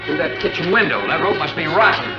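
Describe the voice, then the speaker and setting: An actor playing a ship captain who gives brisk, commanding orders, heard on a dull old film soundtrack with loud music. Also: male voice, on the high side, lively intonation, roomy sound, natural voice. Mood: urgent. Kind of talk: 1950s film acting.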